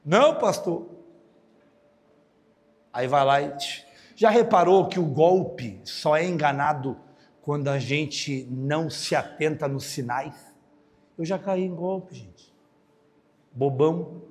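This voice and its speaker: A male pastor preaching a lively sermon, joking and acting out the voices of people in his stories. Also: slow, pauses often. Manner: animated, jokey, acts out other voices with big pitch jumps. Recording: long hall reverb.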